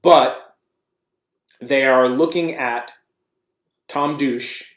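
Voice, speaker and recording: A man co-hosting a casual podcast chat, animated and quick to break into mock screams. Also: medium pitch. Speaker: co-host. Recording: roomy echo.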